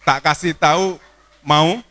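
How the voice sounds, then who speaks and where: Man teacher, coaxing crowd of kids; bright, slightly high voice. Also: fairly even intonation, takes it slowly, a little hiss or hum. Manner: playful, coaxing, asks the crowd questions. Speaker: teacher addressing students. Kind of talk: lively speech to children at an opening event. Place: boarding school hall.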